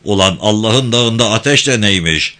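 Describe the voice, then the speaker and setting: A man reading a story aloud, voicing a coarse, brash young village man who talks roughly and swears. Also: lowish voice, expressive, normal speed, pushed and bright. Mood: gruff. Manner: gruff, swearing, blustering.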